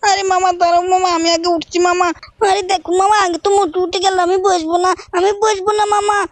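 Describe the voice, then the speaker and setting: A woman's voice: very high-pitched, little pitch movement, fast, no room sound. A woman voicing a whiny cartoon boy who keeps pleading with his uncle in a gaming role-play. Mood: whining. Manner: pleading, whining.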